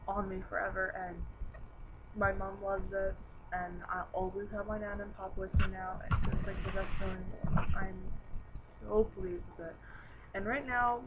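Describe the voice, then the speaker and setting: Muffled, noisy vlog, young woman wearing a retainer. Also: mid-range voice. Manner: slightly impeded speech from wearing a dental retainer. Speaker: vlogger. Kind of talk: casual chat to camera. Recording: noisy, dull narrow-band home recording.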